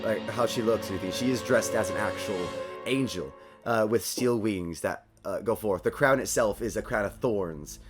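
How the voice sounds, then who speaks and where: A man improvising narration as game master of a tabletop game, often halting to find his words. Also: fairly low pitch, music in the background.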